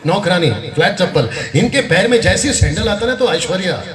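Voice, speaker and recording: A man's voice: high voice, big pitch swings, moderate pace, far from the mic, a crowd in the background. A man leading a Bible study sermon, joking and drawing the audience into call-and-response. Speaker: preacher. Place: convention hall. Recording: echoey hall picked up from afar.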